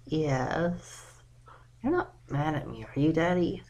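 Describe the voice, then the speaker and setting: A man's voice: a little high, expressive, takes it slowly, a little mellow, highs cut off. A man voicing a brash young female pegasus pony who stammers and pleads nervously in a fan audio drama.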